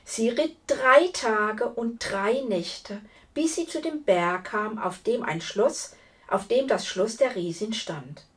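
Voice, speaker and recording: A woman reading a fairy tale aloud to children in an expressive way, talking to her listeners directly. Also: fairly high pitch, slow pace, recorded from a distance. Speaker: storyteller.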